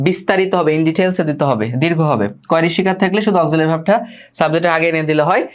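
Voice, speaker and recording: Patient Bangladeshi English teacher, man. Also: fairly high pitch. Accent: Bangladeshi Bengali. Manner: repeats words and asks students questions often; corrects student pronunciation patiently. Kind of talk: online grammar lesson.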